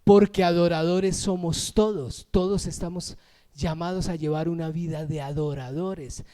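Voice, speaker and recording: High-voiced pastor preaching with fervor. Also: male voice, steady tone, normal speed. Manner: emotional, shouts when moved; acts out everyday voices in asides. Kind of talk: lively sermon.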